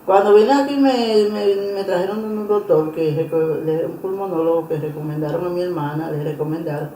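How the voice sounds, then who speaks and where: A woman telling her personal religious testimony in an interview, earnest and emotional, pausing and restarting often. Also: on the low side, fairly even intonation, dark tone, a little hiss or hum. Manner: earnest, emotional storytelling with many pauses and restarts. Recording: roomy echo.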